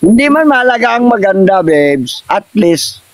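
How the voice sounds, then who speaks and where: A man's voice: sits high, very animated, normal speed, a crowd in the background. A man in comic couple banter, sweet-talking and drawing out his lines in a singsong way.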